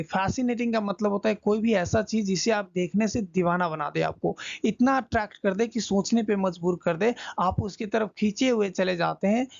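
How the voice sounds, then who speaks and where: Male English teacher, gravelly, chatty, repeats phrases slowly; dull lo-fi audio. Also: high-pitched, dry recording. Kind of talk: Hindi English lesson, explaining a story line by line.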